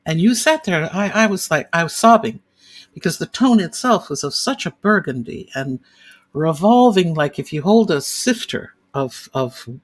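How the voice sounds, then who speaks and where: Woman, 60s, opera singer guest; animated, effusive storyteller. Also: on the low side, moderate pace. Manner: animated, gushing anecdotes with vivid imagery. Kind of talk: casual storytelling chat.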